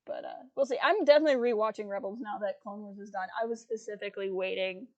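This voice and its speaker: A woman's voice: mid-range voice, sing-song, fast talker, dull audio. A woman hosting a casual livestream chat, talking loosely with lots of fillers and laughing easily. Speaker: livestream host.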